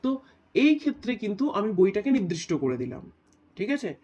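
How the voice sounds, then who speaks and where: A man teaching a grammar lesson, explaining step by step, reading examples out slowly and often asking his students whether it is clear. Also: high-pitched, very animated, darkish tone, highs cut off. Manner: explains step by step, checks in with "right?"; reads English examples slowly.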